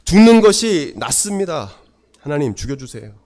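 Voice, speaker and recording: A preacher acting out a stubborn, defiant prophet. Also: male voice, medium pitch, animated, moderate pace, creaky, a little mellow. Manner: stubborn, complaining, rising insistence. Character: defiant angry male prophet begging to die.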